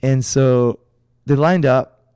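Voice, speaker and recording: A man's voice: mid-range voice, fairly even intonation, slow, warm tone, clean tone, no echo, clean studio sound. A middle-aged man co-hosting a karate podcast, telling a story in a rambling, casual way with restarts. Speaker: podcast co-host, karate instructor. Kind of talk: casual chat.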